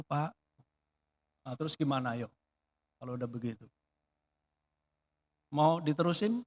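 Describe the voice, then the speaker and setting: A man preaching a sermon in a church, chatty and lively, with rhetorical questions and sudden swings between loud emphatic bursts and quiet asides. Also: fairly high pitch. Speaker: pastor.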